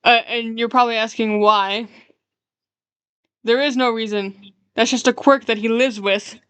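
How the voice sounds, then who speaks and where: Chatty woman streamer, clear voice. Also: a little high, fairly even intonation, measured pace, fairly bright tone, no echo. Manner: rambling, explaining her characters. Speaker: streamer and artist. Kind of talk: casual stream chat while drawing.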